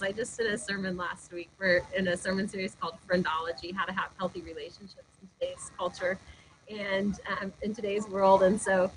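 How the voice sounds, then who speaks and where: A woman's voice: mid-range voice, slight background noise, poor audio. A woman pastor telling heartfelt personal stories in an interview, earnest and speaking with frequent fillers. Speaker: lead pastor. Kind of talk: personal storytelling in a webinar interview.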